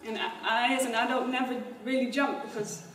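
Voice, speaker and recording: Woman performer addressing a live crowd; halting, casual delivery, slightly high voice, caught from far back in a reverberant hall. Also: steady tone, a bit bright. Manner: halting and informal, explains instructions slowly. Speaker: performance artist. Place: stage in a hall before an audience. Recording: echoey hall recorded from far off.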